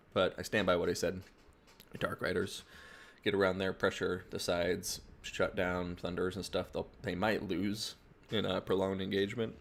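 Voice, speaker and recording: A man giving relaxed, chatty live commentary on a strategy game tournament from his streaming setup. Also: deep voice, vocal fry. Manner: relaxed, chatty play-by-play with asides. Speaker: tournament caster and stream host.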